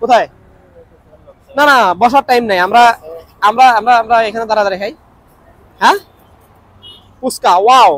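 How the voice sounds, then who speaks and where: A man's voice: very high voice, normal speed, long pauses, fairly bright tone, no echo. A man with a Noakhali accent, teasing a street vendor in casual vlog chat outdoors. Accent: Noakhali Bengali. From Noakhali, Bangladesh. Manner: playful, teasing banter. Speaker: travel vlogger. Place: outdoors at a street food stall.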